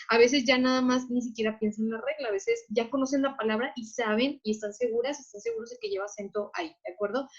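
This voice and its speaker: A woman's voice: fairly high pitch, slightly rough. Mexican woman teaching a dull lo-fi class. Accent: Mexican Spanish. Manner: patient, repeats "¿de acuerdo?" to check understanding. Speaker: writing teacher. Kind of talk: online class lecture. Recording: dull lo-fi online class audio.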